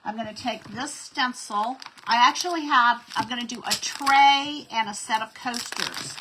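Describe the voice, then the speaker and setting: Slow, bright-voiced woman greeting viewers. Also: a little high, slight background noise, low-quality recording. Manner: chatty, greets viewers by name. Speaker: craft live-stream host. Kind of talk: casual live-stream chat. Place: home craft desk.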